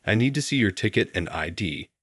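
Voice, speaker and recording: A curt, officious security guard gives orders, as a male narrator reads his lines. The voice sits very low, with a close, dry sound. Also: lively intonation, fairly quick, a bit bright, slightly rough, no room sound.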